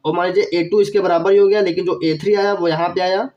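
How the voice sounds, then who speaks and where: A man's voice: sits high, steady tone, quick pace, a little mellow, highs cut off. A young man teaching math in an online lecture, a little unwell with a cough, explaining step by step, repeating key phrases and asking the viewer questions. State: has a cough, feeling unwell.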